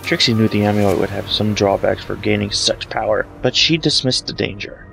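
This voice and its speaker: Brisk and gravelly, a man narrates a fan fiction story in a dramatic, scripted reading. The low-quality recording comes from a cheap home mic, and a bed of soft dramatic background music runs beneath him.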